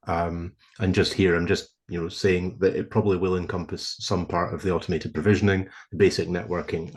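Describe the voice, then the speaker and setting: A man on a video call presenting a technical proposal to a committee, speaking in a measured, hesitant way with frequent ums and restarts. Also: sits low. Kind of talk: presenting a proposal over shared slides. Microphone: computer mic on a video call.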